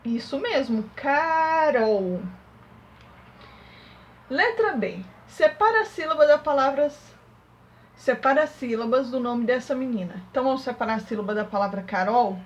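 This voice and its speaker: A woman teaching a young class remotely, working through exercises step by step and sounding out syllables slowly. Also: fairly high pitch, lo-fi sound, slight background noise. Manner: slow, syllable-by-syllable dictation. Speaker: primary school teacher.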